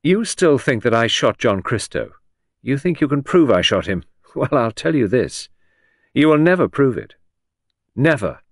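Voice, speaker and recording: A man's voice: mid-range voice, very animated, normal speed, no echo, studio quality, voice pushed up. A man voicing a cool, defiant young woman. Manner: cool, defiant, lightly mocking. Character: composed young woman sculptor under suspicion. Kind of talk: audiobook character voice.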